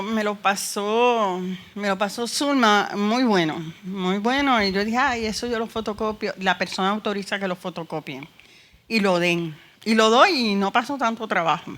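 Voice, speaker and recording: A woman with a Puerto Rican accent teaching a church discipleship class, emphatic and lively, speaking straight to her students. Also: medium pitch. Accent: Puerto Rican Spanish.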